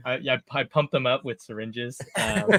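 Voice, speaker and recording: A man hosting a live podcast hangout who chats loosely and laughs often. His voice is bright and forward, recorded close and dry with no room sound. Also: a little high, gravelly, no echo. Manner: laughs often, relaxed chatty. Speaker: podcast host. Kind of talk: casual live chat.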